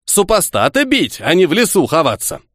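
A man's voice: high-pitched, huge pitch swings, moderate pace, a bit bright, no room sound, studio quality, pitched above the performer's own voice, full character voice. A man voicing a cheerful, self-important young officer who brags and lords it over others. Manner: boastful, lording it over others.

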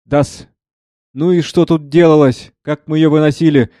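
A man reading the part of a pious old monastery monk, slow and sing-song, scornful in turns. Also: on the high side, steady tone, mellow, no echo, clean studio sound, voice pushed up, close to an everyday voice. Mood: grieving.

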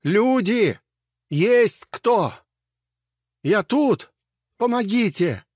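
A man voicing a panicked male doctor strapped down and trapped, yelling for help, breathless and near tears, in an audiobook. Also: high voice, expressive, extremely slow, no room sound, studio quality, voice pushed up, exaggerated voice. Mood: shouting for help. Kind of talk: audiobook character voice.

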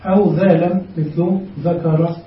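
A man teaching an Arabic grammar lesson, speaking slowly and deliberately and spelling out word forms step by step. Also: high voice, little pitch movement, far from the mic, a little hiss or hum. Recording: muffled, echoey classroom recorded from afar.

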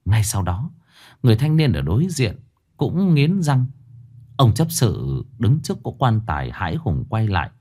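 A man's voice: lowish voice, sing-song, normal speed, dark tone. A man narrating a horror story in a dramatic, scripted style with swinging intonation.

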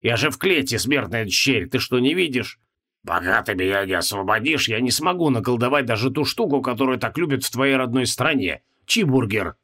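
A man reading an audiobook, voicing a weary, sardonic male demon prisoner in a low, subdued drawl. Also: lively intonation, normal speed, sharp tone.

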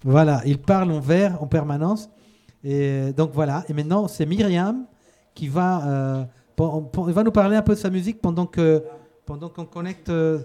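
A man's voice: fairly high pitch, dark tone. A man hosting a live show casually, often stumbling and restarting his phrases. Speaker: show host.

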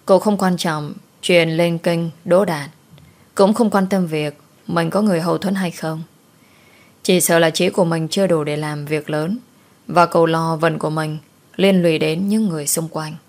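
A woman narrating a folk story in an expressive, folksy storytelling manner. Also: sits low, normal speed.

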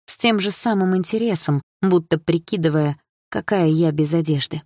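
A woman narrating a first-person novel as an audiobook, in a tense, steady manner. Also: on the low side, moderate pace, dry recording, studio quality.

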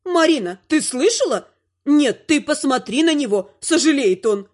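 A woman voicing a haughty, sharp-tongued old grandmother who lectures and scolds in a raised, indignant voice, in an audiobook. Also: high-pitched, animated, normal speed. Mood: indignant scolding.

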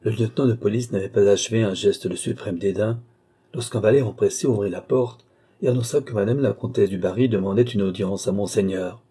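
A man narrating an audiobook, reading at a measured, steady pace. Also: fairly low pitch, breathy edge. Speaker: audiobook reader.

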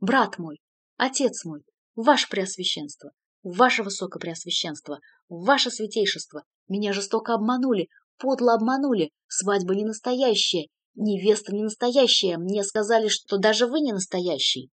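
A woman voicing a hot-tempered young male count who shouts in a raised, high voice. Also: lively intonation, normal speed, no room sound, lightly acted. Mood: furious shouting.

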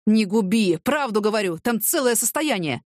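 A woman's voice: medium pitch, lively intonation, moderate pace, no room sound, studio quality, natural voice. A woman voicing a cornered male thug who pleads and bargains in coarse slang. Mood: pleading.

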